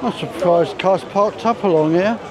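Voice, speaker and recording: A high-voiced Cockney vlogger strolls through outdoor resort streets giving walking tour commentary at a moderate pace, chatty and thinking aloud as he goes. The audio is poor, with a busy street crowd audible behind him.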